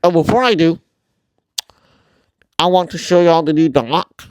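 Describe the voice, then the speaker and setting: A man hosting a casual tutorial vlog, talking informally and haltingly through a mask that muffles his mouth, often apologetic. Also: a little high, a little mellow, dry recording. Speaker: video host.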